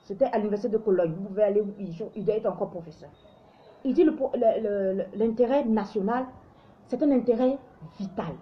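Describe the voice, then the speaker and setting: A woman's voice: mid-range voice, fairly quick, dull audio. A woman from Africa hosting a live show, giving opinionated commentary in an emphatic, preachy way that often stumbles and restarts.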